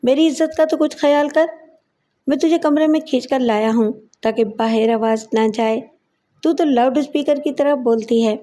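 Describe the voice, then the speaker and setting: A bullying husband growls threats in an audio story, acted by a woman narrator. The tone stays mellow and slightly high, with a rough edge in the words. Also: lightly acted. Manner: gruff threats, then pleading. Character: rough, bullying servant husband, grown man.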